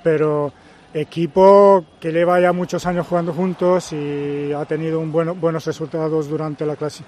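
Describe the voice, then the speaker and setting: A man in his fifties from Serbia, a native Serbian speaker with a Serbian accent, talking as a guest pundit on a live match broadcast in a measured, hesitant way. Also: on the high side, flat delivery, a little mellow, slight background noise. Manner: measured, hesitant with frequent pauses. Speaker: guest pundit, former footballer and coach. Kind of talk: live match commentary chat.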